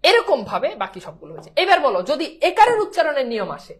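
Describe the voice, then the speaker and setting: A woman's voice: high-pitched, huge pitch swings, fast. A woman teaching a pronunciation lesson, repeating herself and coaxing students to say whether they understand. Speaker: Bangla teacher.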